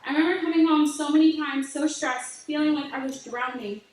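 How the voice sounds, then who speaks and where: A woman's voice: sits high, a little fast. A teenage girl giving a graduation speech, earnest and heartfelt as she offers advice to younger students. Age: late teens. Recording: echoey hall, voice from far off, faint noise.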